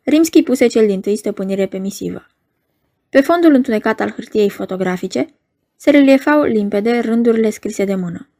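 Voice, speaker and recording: A woman reads a novel aloud in a measured, even storytelling manner. Her voice sits at a medium pitch. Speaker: audiobook narrator. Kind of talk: novel reading.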